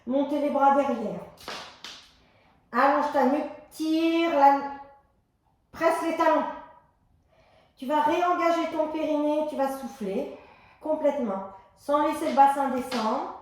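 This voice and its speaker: A woman with a high voice leads a floor exercise class, calling out calm, step-by-step cues timed to the breath. Her voice rings around a very echoey exercise room. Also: takes it slowly, long pauses, slight background noise. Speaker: fitness instructor.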